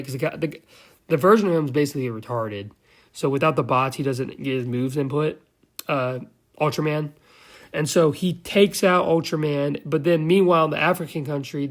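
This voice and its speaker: A man giving a loose, slangy, profane recap of a movie, now and then losing track of names. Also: a little high. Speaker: movie reviewer.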